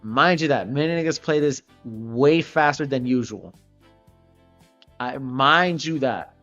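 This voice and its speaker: A male streamer with a mid-range voice reacts to a game, muttering and repeating phrases in casual livestream commentary. He speaks slowly but animatedly, and the lo-fi recording has loud music playing behind him.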